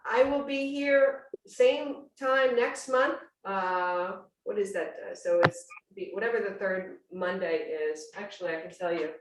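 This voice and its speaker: Female cooking host, informal and chatty, mid pitch, heard in an echoey room some way from the mic. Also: unhurried, hardly any pauses, a little hiss or hum. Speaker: host of an online cooking class. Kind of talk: casual livestreamed cooking demonstration chat. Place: indoors at home, on a video call. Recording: roomy, distant-mic video-call sound.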